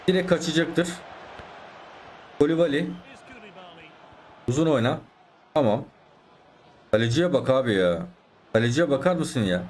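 A man's voice: a little high, a little mellow, a little hiss or hum. A man with a sore throat, commentating his own soccer gameplay and getting frustrated and swearing at the opponent and the game. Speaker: gaming YouTuber.

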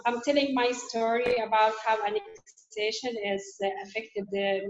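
A young woman, speaking as an activist on a panel, hesitant, with many fillers and restarts. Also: mid-range voice. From Palestine. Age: young adult. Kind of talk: webinar talk. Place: small room indoors. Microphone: earphone mic on video call. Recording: echoey, muffled video call.

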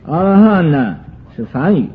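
A man giving a Buddhist sutra commentary lecture, explaining terms slowly with many drawn-out fillers. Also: fairly high pitch, big pitch swings, slightly rough. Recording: tinny lo-fi recording with faint music.

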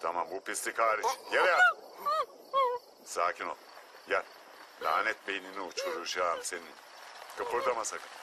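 A man's voice: low voice, a little slow, pauses often, background noise. A man dubbing a menacing armed kidnapper in a thriller, threatening and coldly taunting. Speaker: villain in a dubbed thriller. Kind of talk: film dubbing.

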